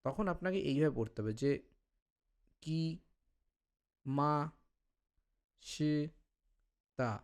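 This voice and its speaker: A man explaining language study as a tutor, patient and step by step, sounding out syllables slowly. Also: fairly high pitch, a little mellow.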